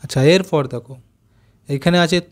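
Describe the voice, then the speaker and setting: A man teaching young children a reading lesson, patiently spelling out joined letters and saying each word slowly. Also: on the high side. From West Bengal, India. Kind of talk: primary school reading lesson.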